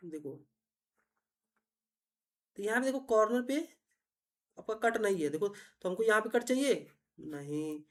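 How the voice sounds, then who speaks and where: A woman teacher, patiently explaining reasoning puzzles step by step and often asking if it is clear. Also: medium pitch, lively intonation, unhurried, pauses often. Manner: patient, repetitive, checks understanding often.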